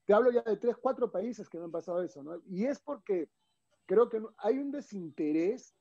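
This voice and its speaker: Peruvian male guest, higher-pitched and dark-toned, acts out quotes in a casual chat. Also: normal speed, dull audio. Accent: Peruvian Spanish. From Peru. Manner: animated storyteller, acts out quoted dialogue.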